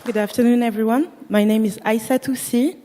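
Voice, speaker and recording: A woman's voice: a little high, fairly even intonation, a little fast, mellow. A woman from Senegal working as an investment consultant, introducing herself briefly and matter-of-factly at a conference. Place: large conference hall stage. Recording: long hall reverb.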